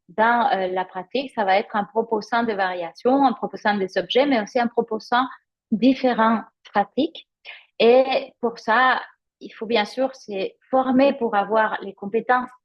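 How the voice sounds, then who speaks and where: The lo-fi recording captures a woman's slightly high voice as she leads a live yoga teacher training webinar. A native Spanish speaker with a Spanish accent, she teaches conversationally, pausing for words and illustrating points with her own experiences.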